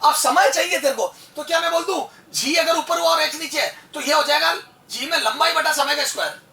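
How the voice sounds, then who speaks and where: A male physics teacher giving an animated exam-prep lecture, asking rhetorical questions and calling the student son. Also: very high-pitched, fairly quick, gravelly, far from the mic. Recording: echoey room, voice off-mic.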